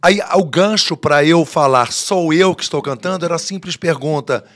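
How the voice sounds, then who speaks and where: A man's voice: a little high, normal speed. A man, a guest on a podcast, telling stories in casual chat and acting out the people he quotes. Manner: animated storyteller who acts out the people he quotes. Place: podcast studio.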